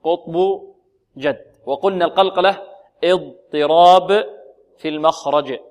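A man's voice: on the high side, fast. Man teaching Quran recitation, drilling sounds. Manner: patient, asks students questions and drills letter sounds. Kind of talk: tajweed lesson with call-and-repeat drills.

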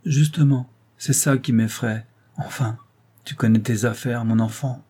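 A man voicing an aging, loyal female servant with a cracked, tired voice, speaking slowly with halting pauses. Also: medium pitch, steady tone, warm tone, husky. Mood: weary scolding.

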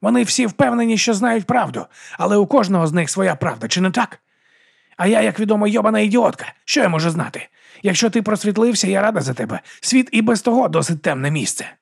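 A man's voice: high voice, animated, quick pace, creaky, slightly rough, pitched above the performer's own voice, exaggerated voice. A man voicing a crude, rambling wild woman warrior who swears bluntly.

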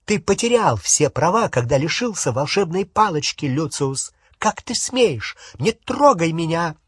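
A male audiobook reader voicing a shrill, fanatical female dark witch who shrieks and hisses. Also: big pitch swings, unhurried, breathy edge, no echo, studio quality, exaggerated voice. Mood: shrieking. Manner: shrieking, hissing.

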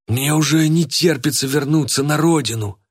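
A man's voice: fairly high pitch, moderate pace, husky, voice pushed up. Man voicing a grumbling circus henchman. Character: homesick male circus henchman.

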